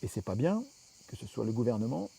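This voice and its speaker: A man's voice: mid-range voice, very animated, a little fast, creaky, dark tone, slightly rough. A French man, interviewed, explaining his political views at length with emphatic reasoning and frequent restarts.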